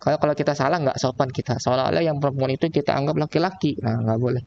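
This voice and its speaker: A man teaching Arabic with a Jakarta accent, slowly drawing out the example phrases in a recorded online lesson. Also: mid-range voice, gravelly, a little mellow, highs cut off, slight background noise. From Indonesia. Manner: slow, drawn-out reading of example phrases. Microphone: laptop mic.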